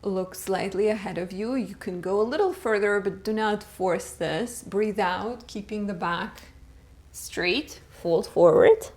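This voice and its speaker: A young woman teaching a beginner yoga class, calmly cueing each breath and pose and encouraging the students between rounds. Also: medium pitch. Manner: slow, calm cueing of breath and poses. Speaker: yoga instructor. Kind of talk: guided yoga class instruction.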